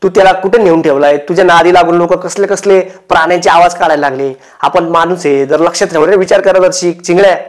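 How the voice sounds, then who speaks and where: Mocking man roasting with a high voice. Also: fast, few pauses. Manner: mocking, teasing. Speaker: roast host. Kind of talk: comic roast commentary.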